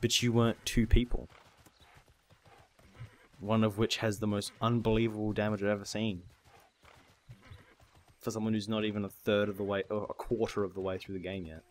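A man's voice: fairly low pitch, level tone, normal speed, pauses often, a little mellow. A man hosting casual gaming commentary, swearing freely, laughing often and reading game text aloud. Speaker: gamer host.

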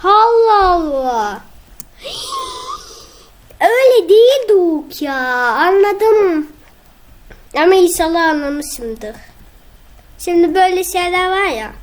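High-pitched slow-talking woman gamer. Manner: excitable, slow and whiny when frustrated. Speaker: gaming video host. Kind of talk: casual gameplay commentary.

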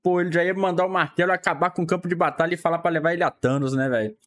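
A man's voice: fairly high pitch, fairly even intonation, racing, fairly bright tone. A young man with a Brazilian accent making chatty, slangy, casual reaction commentary on a stream. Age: young adult.

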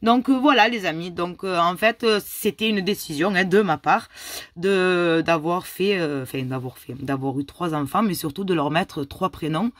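A mother of three in her thirties chats casually with her viewers, answering their questions in a rambling way full of fillers, sounding tired and a little ill. Her voice is on the low side at a normal speed, in a dry recording.

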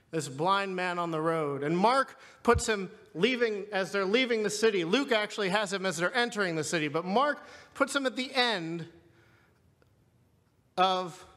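A male preacher retells a scripture story in an earnest, storytelling sermon. His voice is high and bright, with a long reverberant tail from a chapel hall. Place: seminary chapel.

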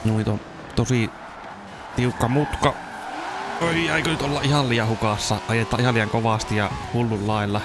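A man's voice: medium pitch, over music. A man giving casual commentary over a racing game, exclaiming at near misses, his voice a little strained from a dry mouth. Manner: excited yelps at near misses. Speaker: gaming video host.

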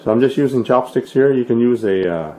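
A man hosting a casual food vlog and cooking demo, speaking easygoing and pausing often with "uh" as he explains. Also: medium pitch, lively intonation, background noise. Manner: easygoing, frequent "uh" pauses while explaining. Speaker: food vlogger.

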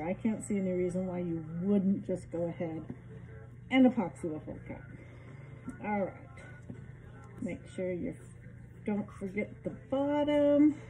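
A woman giving a casual craft demonstration, her voice muffled because she is speaking loudly through a respirator mask. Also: medium pitch. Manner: chatty, self-deprecating, speaking loudly. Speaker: craft tutorial maker. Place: home craft area with fans and open windows.

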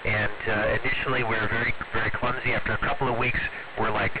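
A man who is an astronaut, answering students calmly over a radio transmission with static bursts and closing each answer with radio procedure words. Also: fairly low pitch, fast. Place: space station.

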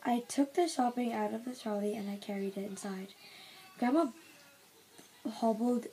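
A woman reading a picture book aloud to her baby in a slow, gentle, careful way at home. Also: fairly high pitch, fairly even intonation, a little hiss or hum.

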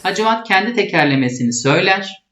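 Casting: male lesson presenter, high-pitched voice, didactic and plain, echoey room. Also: expressive, fast, over a noisy crowd. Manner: didactic, restating terms plainly. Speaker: presenter explaining traditional theatre. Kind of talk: explanatory lesson. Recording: echoey, dull lo-fi sound.

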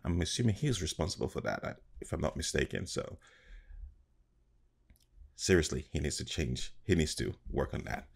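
A man in his thirties giving casual, musing reaction commentary in a halting way, recorded on a desk mic at home. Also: extremely low pitch, very animated, creaky, slightly rough. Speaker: reaction video host. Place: small room at home, indoors.

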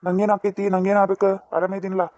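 A man's voice: high-pitched, little pitch movement, rapid-fire, no room sound, lightly acted. Man voicing a scornful, angry drunk husband. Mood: irritated. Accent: North Karnataka Kannada. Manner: shouting, scornful, brusque. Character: angry drunk young husband, harsh, defiant. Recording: dry, dull lo-fi sound.

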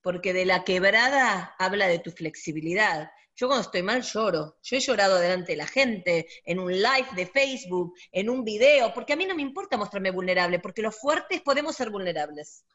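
A woman co-hosting a radio talk, telling stories in an emphatic, animated way. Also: mid-range voice, moderate pace, few pauses. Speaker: doctor and radio co-host. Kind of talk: casual spiritual talk. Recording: dull lo-fi audio.

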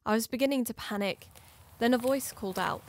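Narrating in scripted first person, a woman plays an uneasy investigator and shares her story confidingly, in an uneasy, reflective mood. Her natural voice is on the high side and brisk, with a little hiss or hum in the audio.

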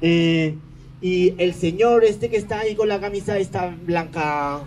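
Sarcastic high-voiced stage comedian, man. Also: a little slow, darkish tone, slight background noise, low-quality recording. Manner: sarcastic, mock-grumpy, teasing the audience. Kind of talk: live stage comedy with audience banter.

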